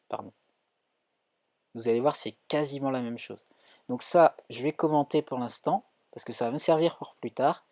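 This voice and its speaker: A man's voice: medium pitch, mellow, no room sound. A man with a French accent teaching a live coding tutorial, thinking aloud with many fillers and self-corrections. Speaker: coding instructor streaming.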